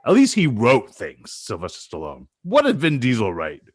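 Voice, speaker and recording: A man co-hosts a sports chat over a video call, laughing easily and needling his partner. His voice is mid-pitched and jumps around a lot. It sounds close and dry. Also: normal speed, slightly rough, no echo. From Canada. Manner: joking, laughs often, animated teasing. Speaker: sports show co-host.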